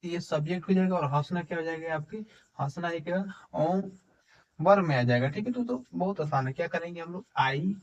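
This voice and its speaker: A man teaching English grammar in with a tinge, dictating examples slowly and checking in with his students. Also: fairly high pitch, far from the mic, lo-fi sound. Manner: slow dictation of example sentences, frequent "ठीक है" and rhetorical questions. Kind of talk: explaining a grammar lesson in Hindi.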